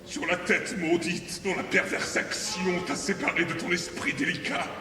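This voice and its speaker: A man's voice: high-pitched, level tone, moderate pace, lightly acted. A man acting a grieving, hot-blooded young nobleman in declamatory stage tragedy. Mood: grief-stricken. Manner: impassioned, ornate theatrical declaiming. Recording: echoey hall, distant mic, loud music behind.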